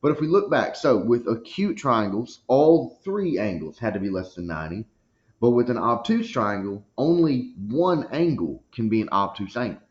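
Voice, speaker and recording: A man's voice: medium pitch, lively intonation, normal speed. A man teaching a recorded math lesson, walking through each step and checking in with a frequent "okay?". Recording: dull lo-fi recording.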